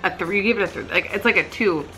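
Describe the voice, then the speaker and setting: A woman in her thirties chats casually as a taste-test vlogger. Her pitch sits in the middle, and music plays behind her. The sound is that of a camera held close in a living room. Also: fast talker, bright, forceful tone, poor audio. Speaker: vlog host doing a taste test. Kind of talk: casual chat. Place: living room couch, indoors. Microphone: camera at arm's length.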